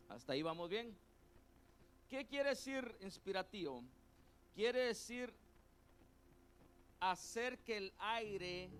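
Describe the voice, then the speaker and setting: A middle-aged male pastor preaching a sermon, leading the congregation to repeat terms after him and repeating his points slowly. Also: sits high, a bit bright, a little hiss or hum. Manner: call-and-response teaching, has the congregation repeat terms; spells out words letter by letter and repeats points slowly.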